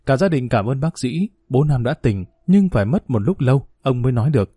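A man narrating a family drama story in a calm, steady reading voice. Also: mid-range voice, a little fast, husky, no echo.

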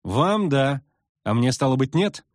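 A man's voice: medium pitch, very animated, measured pace, no echo, studio quality, voice pushed up. A man voicing a fierce young woman archer who speaks tersely through clipped words in an audiobook. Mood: scornful.

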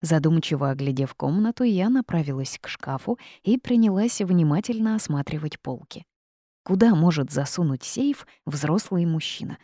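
A woman reading a first-person audiobook, telling the story in a lively way with the heroine's asides. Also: sits low, normal speed, dry recording, studio quality. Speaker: audiobook narrator.

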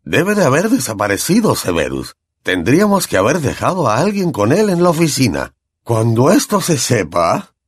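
Huffy, blustering minister read by a male narrator, husky, big swings. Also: medium pitch, huge pitch swings, normal speed, no echo, clean studio sound. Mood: flustered. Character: flustered, pompous middle-aged male minister.

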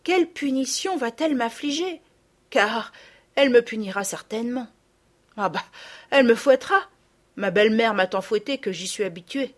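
A woman reading a storybook as a quick-tempered young girl talking to herself defiantly. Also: a little high, expressive, pitched above the performer's own voice. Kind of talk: audiobook reading.

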